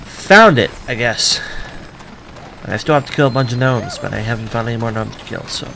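A man's voice: medium pitch, a little fast, vocal fry, sharp tone, slight background noise. Wry man narrating gameplay. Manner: wry, offhand, muttering asides. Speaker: let's play gamer. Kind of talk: casual gameplay commentary.

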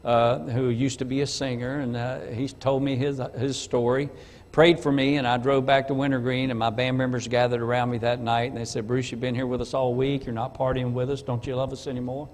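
A man's voice: mid-range voice, level tone, fairly quick. A middle-aged man from North Carolina preaching a testimony sermon in a church, telling his story and acting out the dialogue. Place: church sanctuary. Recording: long church reverb, faint room noise.

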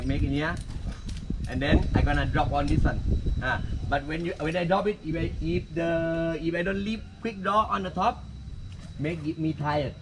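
A man's voice: a little high, very noisy. A man with a Thai accent working as a climbing guide, giving hands-on instruction outdoors in short, fragmented phrases of simple broken English.

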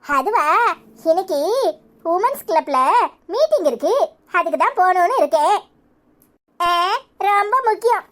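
A woman's voice: extremely high pitch, animated, a little slow, fairly bright tone, exaggerated voice. A woman playing a bossy village housewife, grumbling and complaining in a Kanyakumari Tamil accent.

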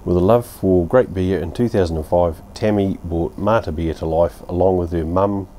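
His voice sits low and mellow at an ordinary speed, with a little hiss or hum in the recording. The speaker, a New Zealander in his fifties, is giving a blunt, rambling beer review at his outdoor home bar, relaxed, with fillers and mild swearing.

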